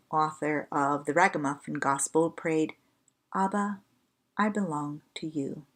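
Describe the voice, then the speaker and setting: A woman with a fairly low voice leads a slow breath prayer devotional. Her delivery is gentle and measured, and her phrases often end softly and breathily. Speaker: prayer leader.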